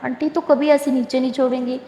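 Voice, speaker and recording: Woman voicing a shrill, indignant young woman. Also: level tone, mellow. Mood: suspicious. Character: excitable young woman, quick to anger. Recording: echoey room with long reverb.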